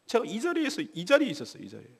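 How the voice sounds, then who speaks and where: A male pastor delivers a morning sermon in a confessional, storytelling way. His voice is a little high and swings widely, from hushed murmurs to loud outbursts. The church hall adds a long, ringing reverb. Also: wildly swooping pitch, very fast, creaky, husky. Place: church sanctuary.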